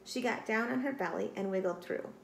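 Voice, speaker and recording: Recorded in a small, echoey room at home with a little background noise, a woman in her forties reads a children's story out loud. Her mid-range, gravelly voice is brisk and expressive, like a teacher's.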